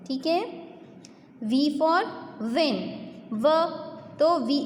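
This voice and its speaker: Woman, kindergarten teacher, slow drilled phonics delivery, echoey classroom with long reverb. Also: high voice, darkish tone. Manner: slow, repeats each sound, asks and answers questions. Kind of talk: phonics lesson for young children.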